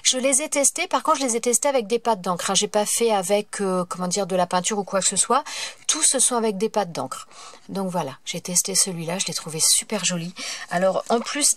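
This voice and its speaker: A woman's voice: fairly high pitch, no echo. A woman presenting a casual craft supply haul at home, chatting freely, apologizing and stumbling over her words now and then. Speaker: craft vlogger. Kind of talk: casual product haul review.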